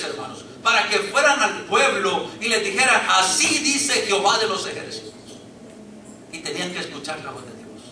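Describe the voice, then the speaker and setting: A man's voice: high voice, bright, forceful tone, a little hiss or hum. A man preaching a fervent sermon to his congregation, calling them brothers, with a Latin American Spanish accent. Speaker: pastor. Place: church sanctuary. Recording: echoey church room, mic at a distance.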